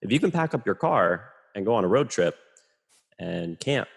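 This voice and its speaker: A man, a photographer, talking casually and rambling in a relaxed, self-deprecating way as a podcast guest. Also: on the low side, moderate pace, creaky, husky.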